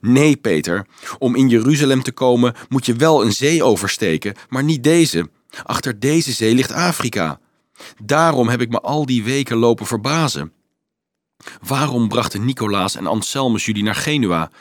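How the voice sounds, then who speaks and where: A man's voice: mid-range voice, lively intonation, moderate pace, dry recording, studio quality, pitched above the performer's own voice, natural voice. Dolf, an earnest teen leader, read by a man. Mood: urgent. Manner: hesitant, then urgent and explaining. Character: earnest teenage boy leading a crowd of children. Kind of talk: audiobook reading.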